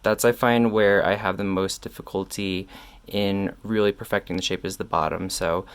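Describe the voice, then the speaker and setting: A man's voice: low voice, steady tone, normal speed, smooth. A man giving a casual makeup tutorial while tipsy from wine, candid and cheeky, rambling and correcting himself as he goes. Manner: rambling, self-correcting, loses train of thought. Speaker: makeup reviewer.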